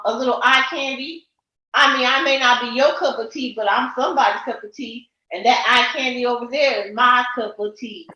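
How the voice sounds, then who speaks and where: A woman's voice: a little high, sharp tone, very echoey, low-quality recording. A woman co-hosting a podcast in casual chat, teasing and playful. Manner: playful, teasing, flirty banter. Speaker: podcast co-host.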